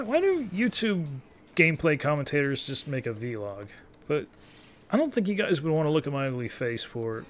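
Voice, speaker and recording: This man in his thirties does live gameplay commentary for gaming videos, casual, rambling and self-deprecating, often drifting onto tangents. His voice is mid-range, with a little hiss or hum in the audio.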